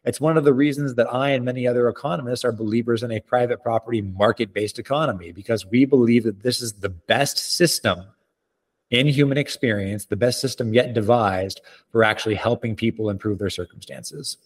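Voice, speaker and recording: A man speaking as an expert interview guest, explaining in articulate, measured, formal phrasing. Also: mid-range voice.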